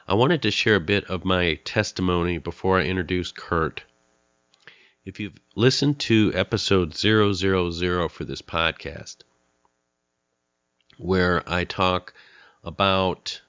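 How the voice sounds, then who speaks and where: A man's voice: deep voice, fairly bright tone, clean tone, no room sound, lo-fi sound. A middle-aged man hosting a podcast, speaking earnestly and candidly with a nasal, stuffed-up voice from a cold. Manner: earnest, candid, pauses with fillers. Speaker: podcast host. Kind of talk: podcast monologue introducing a guest.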